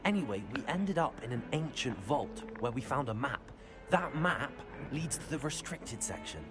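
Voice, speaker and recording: A man's voice: medium pitch, animated, moderate pace, music in the background, lightly acted. An actor voicing a polite, earnest young male student wizard.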